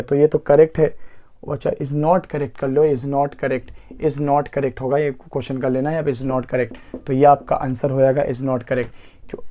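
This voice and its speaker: Mellow-voiced teacher counting aloud. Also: male voice, mid-range voice, dull audio. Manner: asks rhetorical questions and answers them himself; counts carbons aloud step by step. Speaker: chemistry teacher. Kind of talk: exam-prep lesson explanation.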